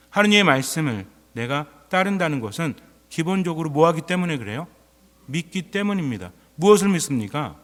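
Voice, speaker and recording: A man preaches in a slightly higher-than-usual register, keeping his sermon chatty and turning often to ask the congregation questions. His voice rings out with the long reverb of a church. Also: fairly bright tone. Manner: conversational preaching, quizzing the congregation.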